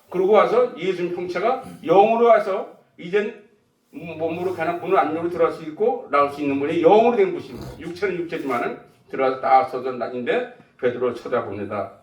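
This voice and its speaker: A pastor preaching to his congregation, throwing out rhetorical questions and acting out quoted lines. His voice sits a little high for a man. It is picked up from a distance and rings through an echoey church hall. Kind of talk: sermon. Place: church sanctuary.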